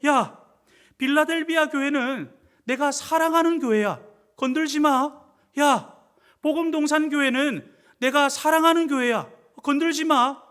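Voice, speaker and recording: A man's voice: extremely high pitch, measured pace, pitched above the performer's own voice. A man voicing Jesus as a protective figure who warns others off his people. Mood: emphatic. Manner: emphatic, forceful. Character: loving, protective Jesus warning off accusers.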